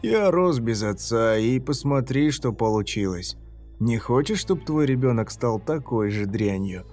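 A man's voice: mid-range voice, lively intonation, unhurried, a little mellow, close to an everyday voice. A cruel, playful male killer taunts his captives in a sneering, raised voice, as a man reads him. It sits in a horror audiobook over faint background music. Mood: taunting.

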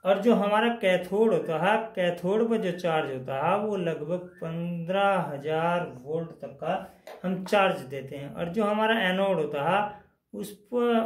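A man with a high voice gives a whiteboard lesson. He talks through each step slowly and repeats key phrases. His voice rings in an echoey room. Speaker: teacher. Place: indoors at a whiteboard.

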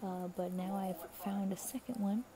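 A young woman talking quietly and half-whispering late at night in a shared bedroom, rambling with many fillers as she hosts a spiritual reading. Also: medium pitch, steady tone, measured pace, noisy background. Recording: TV chatter in the background. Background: television playing.

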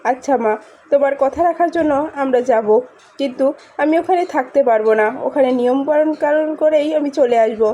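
A woman's voice: high-pitched, normal speed, warm tone, natural voice. A woman voicing a reluctant young husband who pleads with his mother, in a spoken drama recap. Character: troubled young husband, torn and sullen.

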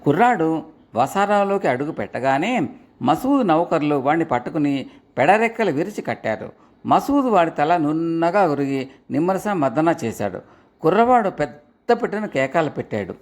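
Animated male storyteller. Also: fairly high pitch, normal speed. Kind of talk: storybook narration.

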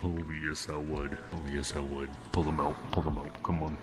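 A man in his twenties with an extremely deep voice. He chats casually and crudely, like someone joking around in a game. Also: little pitch movement, moderate pace, over loud music. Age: 20s.

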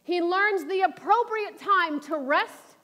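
A woman in her forties from New York City, preaching a sermon with animated, self-deprecating humor. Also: very high voice, takes it slowly, long reverb tail. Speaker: speaker at a church service.

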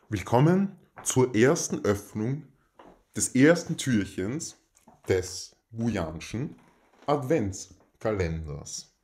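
A man makes a mock-formal giveaway announcement as host, speaking in a pompous, stilted and deadpan manner. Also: medium pitch. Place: indoors in a home.

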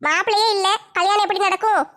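A woman acting in a village comedy sketch with a shrill, scolding manner. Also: fast, a bit bright. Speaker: comic sketch performer.

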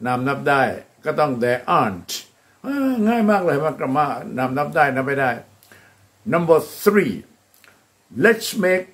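Brief: male English teacher with a Thai accent, slow and deliberate, slightly high voice, upbeat and encouraging. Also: animated, fairly bright tone. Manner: slow, deliberate modeling of English phrases, then quick Thai explanations; upbeat and encouraging, often praising the students. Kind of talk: classroom-style English drill.

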